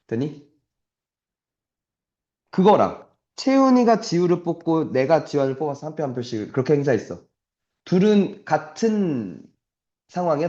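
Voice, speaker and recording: A young man teaches math in a classroom in a blunt, profane, chatty way, often stopping to ask if students are following. His voice sits a little high and moves up and down a lot, with a mellow, dark tone. The recording is roomy and dull, like a lo-fi classroom capture. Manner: blunt, swears casually, constantly checks understanding. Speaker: math tutor. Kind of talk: casual classroom lecture.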